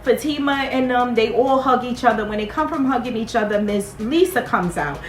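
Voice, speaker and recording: Chatty high-voiced woman recapping TV. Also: normal speed, echoey room. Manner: chatty, animated, talks straight to viewers. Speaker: TV show recap host. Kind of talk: casual TV recap commentary.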